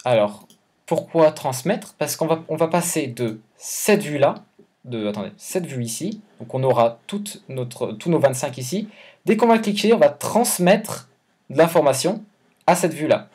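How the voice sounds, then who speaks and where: A man's voice: a little high, animated, unhurried, a little mellow, slightly rough. A man hosting a casual coding tutorial, thinking aloud with hesitations and self-corrections in an informal, slangy way. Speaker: YouTube tutorial host.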